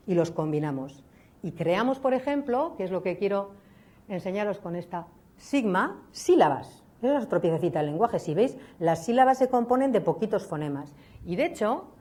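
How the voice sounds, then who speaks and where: A woman giving a lively public science lecture, often checking in with her audience. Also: on the low side. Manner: lively, chatty, addresses audience with ¿vale?. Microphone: speaking to a hall audience.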